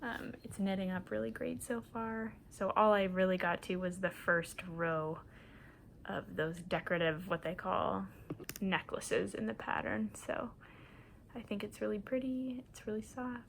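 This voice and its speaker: A woman from Minnesota chats casually through her knitting podcast, rambling from one thought to the next. She talks at an ordinary middle pitch and laughs softly now and then. A faint hum of background noise sits under her voice. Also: fairly even intonation, unhurried, vocal fry. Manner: chatty and rambling, with soft laughs. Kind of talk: casual chat.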